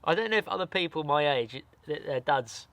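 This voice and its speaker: A man's voice: on the high side, animated, a bit bright, dry recording. A young British man co-hosting with his father, chatting casually and teasing him. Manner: teasing, quick agreeing interjections. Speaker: co-host, host's son. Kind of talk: casual outdoor chat.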